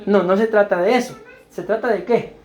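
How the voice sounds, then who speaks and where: A male pastor with a high, slightly mellow voice delivers a teaching sermon in church at a brisk pace, explaining things step by step. He keeps checking understanding with "¿verdad?", poses questions to the congregation, and waits for their replies. There is a faint hiss or hum.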